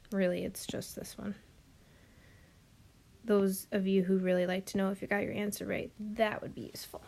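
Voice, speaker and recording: A woman's voice: mid-range voice, darkish tone, a little hiss or hum. A woman teaching a math lesson, walking through each step patiently with frequent ums, a bit out of breath. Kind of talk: recorded classroom lesson.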